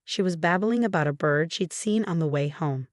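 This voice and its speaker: A woman narrating a first-person story in a steady, even storytelling manner. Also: fairly low pitch, normal speed, dry recording, clean studio sound.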